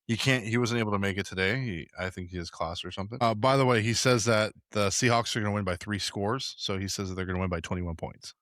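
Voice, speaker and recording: Young male podcast host, low bright voice, rambling casual delivery, dry close sound. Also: fast, hardly any pauses, no echo. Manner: rambling, many fillers. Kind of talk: casual sports chat.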